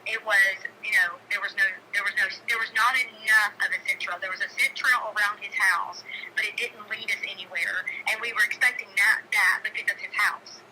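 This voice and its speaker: A middle-aged local neighbor calls on the phone, talking casually but insistently, repeating phrases for emphasis. Her mid-range voice is steady, a little fast, and sharp in tone. The phone call recording is noisy.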